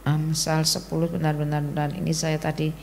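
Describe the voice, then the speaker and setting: A woman's voice: low-pitched, monotone, a little fast, gravelly, darkish tone, a little hiss or hum. A middle-aged woman, preaching to a women's church service in a conversational, storytelling way. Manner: conversational storytelling, Javanese-tinged Indonesian. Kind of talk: sermon.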